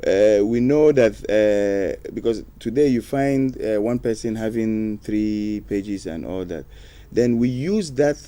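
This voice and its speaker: A man's voice: on the low side, slow pace, hardly any pauses, mellow. A man answering interview questions as a studio guest, hesitant with many fillers. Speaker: studio guest, youth program official.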